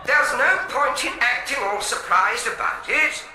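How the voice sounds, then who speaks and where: An actor playing a pompous, brusque alien bureaucrat commander making an official announcement in a radio drama, through a booming loudspeaker. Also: male voice, a little slow. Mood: exasperated, dismissive. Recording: echoing, distant, faint hiss.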